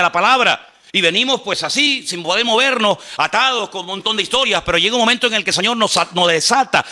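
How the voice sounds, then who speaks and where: A male pastor preaching a sermon in an animated way, acting out quotes and joking with his congregation. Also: high voice.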